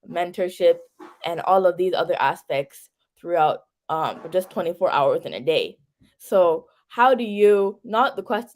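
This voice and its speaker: A woman interviewer with a fairly low voice for a woman. She puts her questions conversationally, pausing and hesitating now and then. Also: darkish tone.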